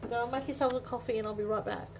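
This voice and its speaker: This woman in her forties hosts a craft livestream, chatting casually with viewers and thinking aloud as she demonstrates. Her voice sits on the high side with a steady tone, and she races along. The audio is muffled, with faint background noise.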